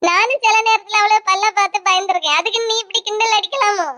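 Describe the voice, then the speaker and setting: A woman's voice: very high-pitched, fairly even intonation. A voice actor playing a bossy middle-aged mother with a Kanyakumari accent who scolds and teases her family in a cartoon. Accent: Kanyakumari Tamil. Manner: sharp, scolding, quick comebacks.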